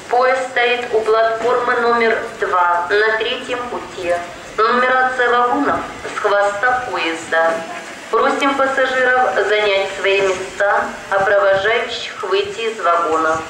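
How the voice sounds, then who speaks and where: A woman making a formal, measured public-address announcement at a railway station, heard over loudspeakers on an outdoor platform. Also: mid-range voice. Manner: formal, measured scripted delivery. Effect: loudspeaker public-address system. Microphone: far camera microphone picking up loudspeakers. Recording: echoey distant loudspeaker, loud platform noise. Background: loud trains and station ambience.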